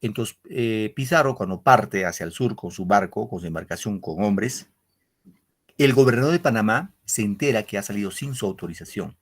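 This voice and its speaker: Lowish-voiced male teacher. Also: animated, moderate pace. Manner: explanatory, checks in often with "¿no?" and addresses students directly. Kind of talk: online class lecture.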